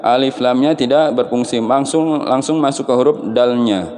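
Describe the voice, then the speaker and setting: A man teaching Quran recitation rules, explaining patiently and chanting drawn-out example verses. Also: mid-range voice, a little mellow, in a large hall. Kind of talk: tajwid lesson with chanted recitation.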